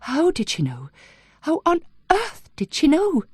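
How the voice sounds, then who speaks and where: A woman's voice: medium pitch, very animated, moderate pace, warm tone, slightly rough, dry recording, studio quality, pitched above the performer's own voice. A woman voicing an uneasy young woman with a slight Welsh accent, speaking tense and urgent. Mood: shaken.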